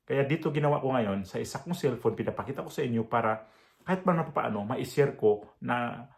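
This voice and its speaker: A man's voice: mid-range voice, animated, brisk, vocal fry. A man with a Visayan accent giving casual reaction commentary in a blunt, proud way. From Visayas, Philippines. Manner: proud, blunt, with many fillers and restarts. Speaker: reaction vlogger.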